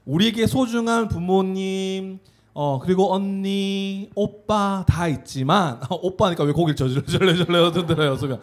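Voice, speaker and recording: A man giving an animated children's sermon, telling a story and having the kids repeat words after him. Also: sits high, moderate pace. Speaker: children's pastor.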